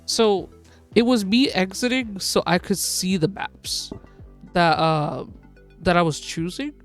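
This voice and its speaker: A woman hosting a live gaming stream, excitedly calling a race like a sportscaster for her viewers. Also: lowish voice, slow, faint music behind. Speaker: livestream host.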